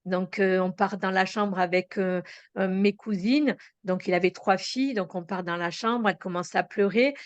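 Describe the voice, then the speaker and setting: A woman guest in a conversational interview, telling a personal story in an earnest, halting way with many fillers and restarts. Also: mid-range voice, steady tone, no room sound, dull audio.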